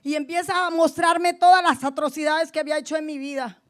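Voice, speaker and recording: A woman pastor with a high, bright-toned voice, telling her conversion story in a sermon. She addresses the congregation directly and moves between quiet, intimate moments and loud, forceful declarations. Her delivery is passionate and personal. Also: steady tone, brisk. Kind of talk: testimony in a sermon.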